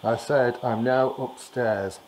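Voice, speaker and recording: A man with a medium-pitched voice talks slowly and steadily, offering casual, chatty running commentary while he films himself testing walkie-talkies indoors. The vlogger moves through the corridors of a residential building, and background noise comes through clearly.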